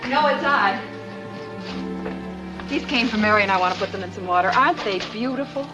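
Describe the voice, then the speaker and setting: A woman's voice: mid-range voice, expressive, fairly quick, dull audio, close to an everyday voice. A woman as a dryly teasing friend. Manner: teasing, dry. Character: teasing, wry female friend. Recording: old film soundtrack with music.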